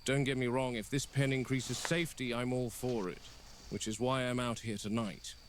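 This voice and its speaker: A man plays a stern, exasperated game warden, speaking gravely and bluntly as though logging an incident for a found-footage horror film. His medium-pitched voice is deliberate and level, lightly acted, with an irritated, wary mood over faint, noisy night ambience.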